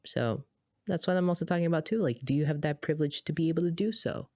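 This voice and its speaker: A woman from Boston co-hosting a podcast, telling stories in an animated, emphatic, casual way. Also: low voice, fast, dry recording, studio quality. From Boston, USA. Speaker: podcast co-host.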